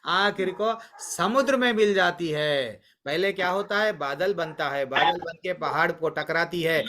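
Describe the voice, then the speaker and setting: Male devotional teacher on a video call, lively and a bit high, faint hiss behind. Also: measured pace. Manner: chanting, animated, asks rhetorical questions. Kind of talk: spiritual lesson on a video call.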